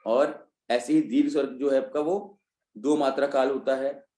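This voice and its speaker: Male teacher for an online revision class, mellow tone, talks through each point and answers his own questions, roomy sound. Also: medium pitch, steady tone, moderate pace. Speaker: Hindi teacher. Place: online class, students joining remotely.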